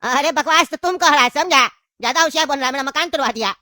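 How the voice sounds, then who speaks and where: A woman's voice: high-pitched, quick pace, sharp tone, no echo, clean studio sound. A woman voicing a cheeky, quarrelsome old man in jail, in a comedy sketch. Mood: angry. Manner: scolding, sarcastic.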